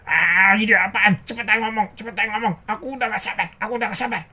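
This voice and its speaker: A pushy, restless child nags in a high, squeaky voice, demanding everything right now, as a woman puts it on. The voice is loud and whiny, with a storybook children's-show feel. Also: moderate pace. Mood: impatient, nagging.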